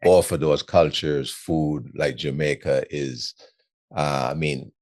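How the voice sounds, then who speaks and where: A man's voice: a bass voice, fairly even intonation, slow, a little mellow, no echo, studio quality. A man from Barbados hosting a podcast, affirming his guest and steering the conversation. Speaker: podcast host. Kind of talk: casual interview talk.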